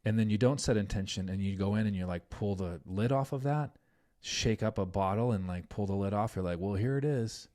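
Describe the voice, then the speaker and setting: A middle-aged man hosting a parenting podcast, telling a story in an earnest, animated way and saying "like" often. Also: fairly low pitch, fairly quick. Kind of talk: casual podcast conversation.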